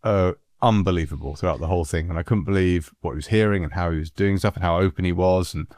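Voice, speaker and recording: A middle-aged man from England, a music producer, telling anecdotes in a relaxed, animated way with frequent laughs. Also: sits low, quick pace, no room sound. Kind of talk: relaxed storytelling.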